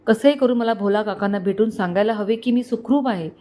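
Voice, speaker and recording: A young woman on the run, as a woman narrator reads her, brooding over her worries in a low, anxious voice. She sounds resentful and worried. It is read in an audio storybook. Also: a little fast, warm tone, natural voice.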